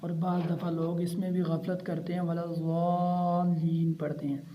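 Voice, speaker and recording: A man teaching prayer recitation, chanting each phrase slowly and melodically, then explaining mistakes in quick, quieter asides. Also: on the high side, flat delivery. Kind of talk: tajweed lesson on prayer recitation. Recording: dull lo-fi recording.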